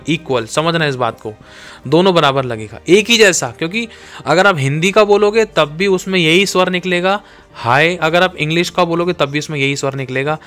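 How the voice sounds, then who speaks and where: A man's voice: high voice, fairly bright tone. A man preaching a sermon, repeating his points with emphasis and speaking straight to his listeners. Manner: repetitive, emphatic, addresses listeners directly.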